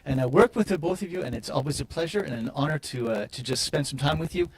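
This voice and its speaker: Man, panel moderator, upbeat, effusive, slightly high voice. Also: fast, slightly rough, low-quality recording. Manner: upbeat, effusive, frequent fillers. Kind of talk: hosting a panel discussion.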